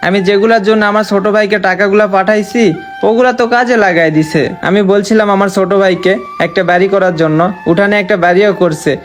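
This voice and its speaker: A young man acting out an earnest, sorrowful man just back from years of work abroad, who talks in a heartfelt, pleading way. His voice sits high. Soft music plays faintly underneath. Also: fairly even intonation, fast talker, lightly acted. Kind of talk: amateur short-film acting. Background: faint background music.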